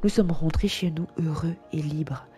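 Mellow woman telling a story. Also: low-pitched, moderate pace. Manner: earnest, testimonial storytelling. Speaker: narrator. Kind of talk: scripted first-person story narration. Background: faint background music.

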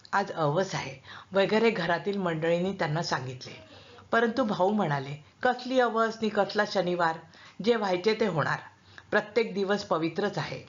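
A woman reading a classic novel aloud as a storyteller, steady and earnest with dramatic emphasis. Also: fairly low pitch. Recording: dull lo-fi sound.

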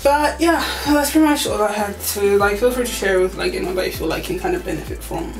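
A woman's voice: mid-range voice, brisk, echoey room, faint music behind, rough recording. A woman of twenty-four, chatting candidly to camera with many fillers and frequent laughs. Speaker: vlogger. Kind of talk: casual chat to camera. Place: small room indoors. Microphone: camera on tripod.

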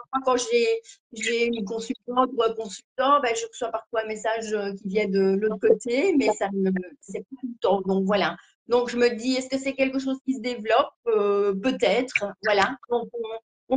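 A woman's voice: a little high, steady tone, moderate pace. A woman in her fifties from Belgium with a Liège accent, a guest clairvoyant talking hesitantly on a video call. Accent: Liège Belgian French. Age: 50s. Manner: hesitant, many fillers, laughs nervously. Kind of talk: casual live-stream chat.

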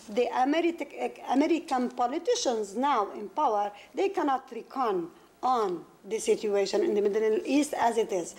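A Palestinian novelist whose first language is Arabic answers interview questions earnestly in English, restarting and repeating words as she goes. Her voice is fairly high with a darkish tone, on a 1991 interview tape with faint noise.

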